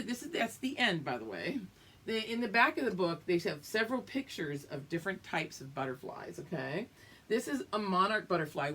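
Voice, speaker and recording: An older woman, a kindergarten or preschool teacher, leads a read-aloud lesson for young children. Her voice is on the low side and a bit bright, and she explains things simply while checking that the kids follow along.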